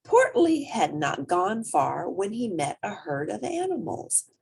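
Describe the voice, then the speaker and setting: A woman reading a children's story aloud in an expressive, dramatic, emphatic way. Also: mid-range voice, a little slow, gravelly, husky. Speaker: storybook reader.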